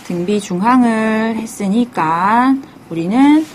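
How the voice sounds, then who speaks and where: A woman's voice: fairly high pitch, animated, slow pace, slight background noise. A woman math teacher giving a step-by-step lecture, calling herself "teacher" and asking and answering her own questions.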